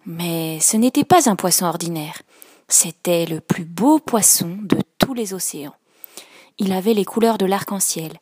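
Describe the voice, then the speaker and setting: A woman reading a children's picture book aloud with soft, expressive storytelling. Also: medium pitch, slightly rough. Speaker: storybook reader.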